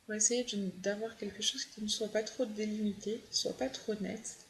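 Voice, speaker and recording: A woman's voice: medium pitch, fairly even intonation, normal speed. A young woman, a beauty vlogger, walking through her makeup steps in a chatty, upbeat tutorial. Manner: chatty, fond of her favorite products.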